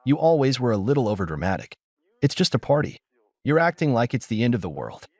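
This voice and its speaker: A man's voice: fairly low pitch, big pitch swings, normal speed, no echo. A man voicing a spiteful young woman, a former best friend, who talks with mocking sarcasm. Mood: sarcastic, mocking.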